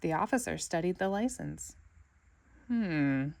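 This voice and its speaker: A woman with a mid-range voice reads a storybook slowly and expressively. It's the kind of animated read-aloud narration meant for children.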